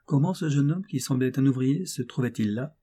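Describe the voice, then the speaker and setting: Husky-voiced male audiobook narrator. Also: mid-range voice, fairly quick. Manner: steady, expressive literary reading.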